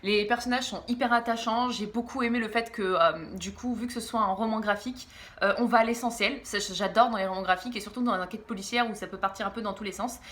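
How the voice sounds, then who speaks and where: A young woman reviewing graphic novels in a casual, halting way, giggling often and slurring a little because she is groggy from medication. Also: mid-range voice, a bit bright. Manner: giggly, halting, stumbles over words. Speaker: book vlogger.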